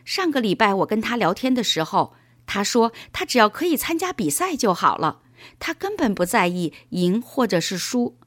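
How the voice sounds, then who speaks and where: A woman's voice: mid-range voice, very animated, moderate pace, dry recording, clean studio sound. A woman voicing an eager, curious young schoolboy in a children's storybook reading.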